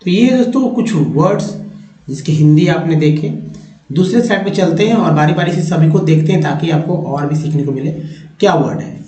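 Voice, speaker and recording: A man teaching English spelling and pronunciation in a slow, deliberate classroom style. He repeats each word three times and keeps checking that his viewers follow. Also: a little high, animated, warm tone. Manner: addresses viewers as friends, often checks with "ठीक है". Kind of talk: spoken classroom lesson. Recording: roomy, dull lo-fi sound.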